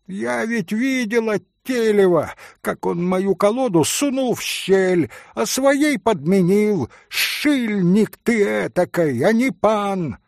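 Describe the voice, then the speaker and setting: A gruff old-style innkeeper, as a man puts him on, loud and scolding, with a gravelly, husky voice that rises and falls a lot. the reading is dry and close. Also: high-pitched, big pitch swings, slow pace, no room sound, voice pushed up, exaggerated voice. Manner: loud, scolding, folksy speech. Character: shrewd blunt middle-aged innkeeper, accusing.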